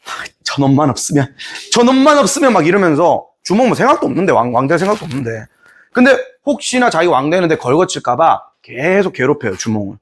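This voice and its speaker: A man teaching history in a lively lecture, playfully acting out scenes from the story. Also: on the high side, quick pace, husky. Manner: animated storytelling, playful, voices characters.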